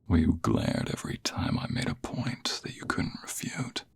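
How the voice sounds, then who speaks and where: In an intimate ASMR roleplay, a man plays a smug, seductive office rival, speaking in a husky, breathy half-whisper that still sounds close to his everyday voice. His delivery is slow, teasing and flirtatious, with an amused edge.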